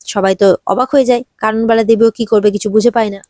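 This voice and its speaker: A woman's voice: on the high side, steady tone, fast talker, a little mellow, dry recording, clean studio sound. A woman narrating a casual, chatty recap of a TV serial episode, restarting her sentences now and then.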